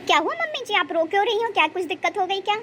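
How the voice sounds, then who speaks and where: A high-voiced woman doing a young daughter-in-law in a cartoon story. She is fiercely protective of her mother-in-law and sharp-tongued about her husband. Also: big pitch swings, very fast, slight background noise, full character voice. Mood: worried. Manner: protective, scolds and soothes.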